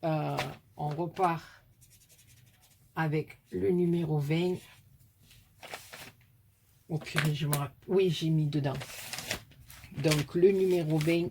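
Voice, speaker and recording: Slow chatty woman with southern French accent. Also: sits low, steady tone, dark tone, slight background noise. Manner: chatty, rambling, affectionate. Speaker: craft YouTuber opening mail. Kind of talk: casual chat to viewers.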